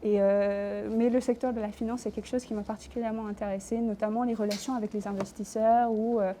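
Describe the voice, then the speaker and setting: A woman's voice: on the high side, little pitch movement, fast talker, warm tone, slight background noise. A young woman answering questions in an admissions interview, hesitant, with many fillers and self-corrections. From Australia. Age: young adult. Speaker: interview candidate.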